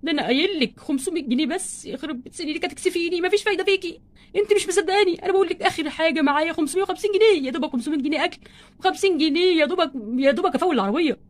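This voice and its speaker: A woman with an Egyptian accent voicing a stingy, flustered husband doll in a play, grumbling and complaining about money. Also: extremely high pitch. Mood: exasperated. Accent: Egyptian Arabic. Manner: exasperated grumbling, fast and wordy.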